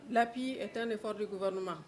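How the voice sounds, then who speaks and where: A woman's voice: medium pitch, fast, a little mellow, a little hiss or hum. A woman member of parliament giving an earnest speech at a forum, stressing her points to the audience.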